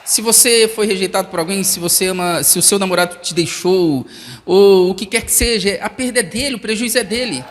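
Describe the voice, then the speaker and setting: A man preaching a sermon as pastor, emphatic and swelling louder on key phrases. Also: high-pitched, a little fast, a little hiss or hum. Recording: long reverb of a large hall.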